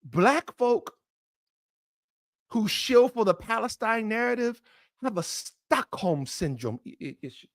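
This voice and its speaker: A middle-aged man hosting a live commentary show, talking off the cuff in an impassioned way that turns halting and apologetic. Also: very high voice, very animated, no echo, studio quality. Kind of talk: unscripted live commentary monologue.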